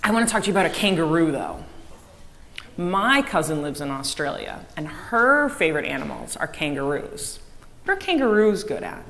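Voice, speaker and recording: A woman giving a children's message in a church service, asking the kids lively questions and echoing back their answers. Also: deep voice, moderate pace, creaky. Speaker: director of faith formation giving a children's message. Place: church sanctuary with a choir. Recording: long church reverb, faint room noise.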